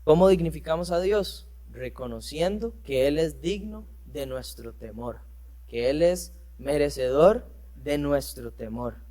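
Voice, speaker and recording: A man's voice: a little high, animated, unhurried, dark tone. A man teaching a church lesson, reading scripture aloud and explaining it with rhetorical questions and frequent fillers. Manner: frequent fillers and self-corrections. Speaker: preacher.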